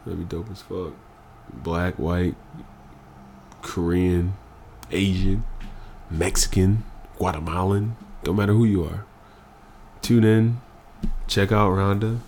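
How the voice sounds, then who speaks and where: A man with a very low, deep voice talks earnestly as a podcast guest, hammering points home by repeating phrases. He is still emotional after crying. A faint hiss sits under the recording. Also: steady tone, slow, long pauses, a little mellow. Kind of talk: emotional candid conversation.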